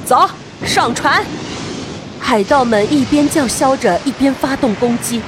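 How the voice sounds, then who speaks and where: A woman hosts a scripted children's story, talking straight to young listeners in an expressive, playful way. Her voice sits high, her pace is normal, and there's background noise.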